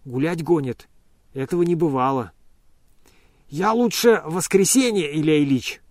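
A man's voice: a little high, moderate pace, darkish tone, dry recording, natural voice. Stubborn, lazy old male servant, grumbling, read by a man, dry close voice. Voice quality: grumbling, sluggish.

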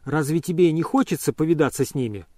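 A man voicing a nervous, agitated gentleman who keeps pressing and urging. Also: a little high, quick pace, no room sound, clean studio sound, lightly acted. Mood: insistent. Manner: insistent, pushy.

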